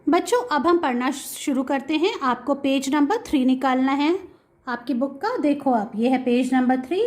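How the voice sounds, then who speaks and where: Slow, high-voiced woman teaching small children. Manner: slow, drawn-out syllables, call-and-repeat drilling. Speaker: kindergarten Hindi teacher. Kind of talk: online lesson for young children.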